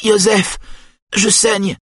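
A man's voice: a little high, fairly even intonation, normal speed, a bit bright, slightly rough, dry recording, clean studio sound, pitched above the performer's own voice. A man voicing a terrified, trembling young woman who whispers urgently and cries out in desperation. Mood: frantic.

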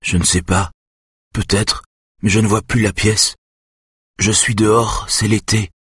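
A man reading aloud, voicing a shaken, guilt-ridden male patient who talks haltingly. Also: fairly low pitch, level tone, a bit bright, husky, no room sound, studio quality, voice pushed up, heavily acted. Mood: dazed.

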